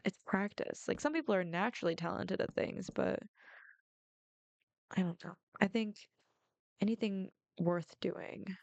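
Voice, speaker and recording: A woman's voice: mid-range voice, unhurried, gravelly, long pauses, no echo, highs cut off. A young adult woman, a film student, chatting casually and rambling with lots of "like" fillers while playing a game. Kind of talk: casual gameplay chat.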